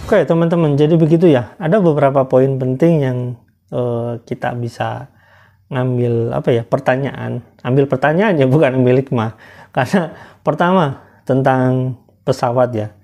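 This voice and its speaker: A man talking casually to his viewers as a commentator, often pausing with hesitant fillers. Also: mid-range voice, mellow. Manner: hesitant, fills pauses with "eh".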